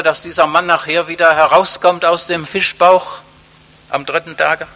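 Male preacher, emphatic and direct with the congregation, bright voice, old muffled tape in a reverberant hall. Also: a little high. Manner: emphatic, repeats key phrases for stress; addresses audience directly and warmly. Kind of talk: evening sermon. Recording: echoey hall, dull lo-fi sound.

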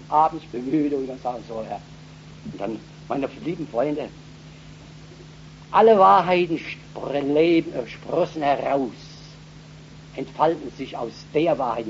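Fervent German preacher on a dull old recording. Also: male voice, medium pitch, a little hiss or hum. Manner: fervent, bursting into loud emphatic peaks; repeats words and phrases. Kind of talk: live revival sermon. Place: revival meeting in front of a congregation.

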